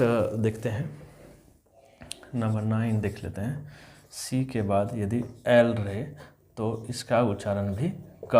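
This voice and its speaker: A man with a lowish voice and darkish tone gives a spelling and pronunciation lesson to young pupils. Each word gets spelled letter by letter and then said as a whole, and he repeats every rule several times. Calling them children, he keeps checking in by asking "is that clear."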